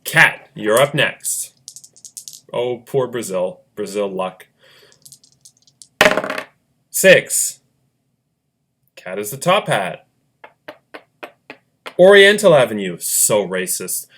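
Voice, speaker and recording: A man narrates a board-game round play by play in a chatty, joking way. His pitch jumps around a lot as he talks, and his voice has a bright, forceful edge. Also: big pitch swings, very slow, pauses often, slight background noise. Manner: chatty, jokey asides, laughs often. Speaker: host running a fan game.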